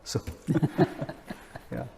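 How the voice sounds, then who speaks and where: A missionary in his sixties rambles through a casual interview, often starting over and chuckling. His mellow voice moves very slowly, with a big-room sound around it.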